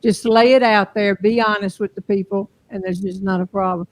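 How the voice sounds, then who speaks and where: A woman's voice: medium pitch, steady tone, brisk. An older woman with a Southern US accent hosting a show, chatting casually and amused by herself. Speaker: host. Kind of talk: casual chat.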